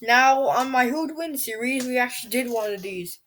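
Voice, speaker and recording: A woman's voice: a little high, expressive, moderate pace, fairly bright tone. A woman casually commenting on a monster battle video, rambling and tripping over names as she corrects herself. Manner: off-the-cuff asides and self-corrections. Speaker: channel host.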